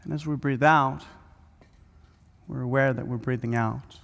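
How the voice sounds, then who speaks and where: A man from Norway, opening a conference and guiding the audience through a calm breathing meditation with frequent fillers. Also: mid-range voice, creaky. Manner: soft, slow guiding voice with many fillers. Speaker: speaker guiding a breathwork session. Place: large event hall with live audience. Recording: long hall reverb.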